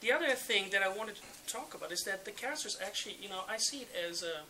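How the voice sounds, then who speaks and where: Dutch-accented panelist, mid-pitched, halting with many fillers; captured at a noisy public event. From Netherlands. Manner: relaxed, hesitant, many ums and uhs. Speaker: urban demographer on a panel. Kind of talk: panel talk to an audience.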